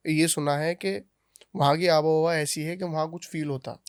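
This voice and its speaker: A man's voice: on the high side, fairly even intonation, normal speed, clear, resonant tone, dry recording, studio quality. A man hosting a podcast, asking curious questions and backing his guest with short hums of agreement. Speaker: podcast host. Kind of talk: casual podcast interview. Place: podcast studio.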